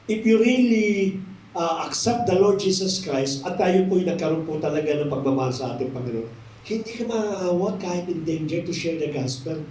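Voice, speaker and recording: A Filipino-accented man preaching a sermon in a high, mellow voice. He tells a story and drops into slow, emphatic phrases to stress key words. The sound is roomy and picked up from some distance across a church hall. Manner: mixes English into Tagalog, slows for emphasis. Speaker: pastor. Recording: echoey room, mic at a distance.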